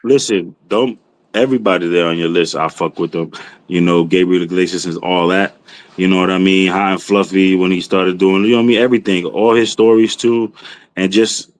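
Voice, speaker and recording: A man's voice: deep voice, fairly even intonation, fairly quick, no echo. A man chatting enthusiastically on a podcast, often tossing in "you know what I mean.". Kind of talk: casual chat.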